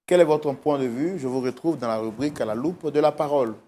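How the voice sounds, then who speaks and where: A man's voice: mid-range voice, fast talker, warm tone, slight background noise. A man hosting a TV talk show, moving into a solemn, declamatory preaching tone.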